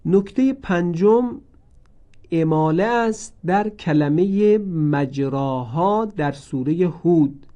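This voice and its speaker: A man gives a recorded lesson on Quran recitation rules, moving methodically through each point. His voice sits a little high yet stays mellow and soft-edged, and after explaining every rule he repeats the examples so listeners can practise.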